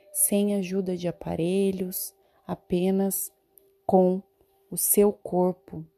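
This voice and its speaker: A woman guiding a breathing meditation, speaking slowly and soothingly, sometimes dropping to a whisper. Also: lowish voice. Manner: slow, soothing, drawn-out phrasing with soft whispered words. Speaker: meditation guide.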